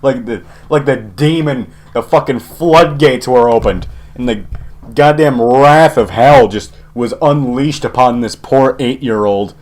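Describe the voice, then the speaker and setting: Young guy rambling thru a story, swears a ton, keeps chuckling, mid-pitched voice. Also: a little slow, a little mellow. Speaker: channel host. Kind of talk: casual storytelling.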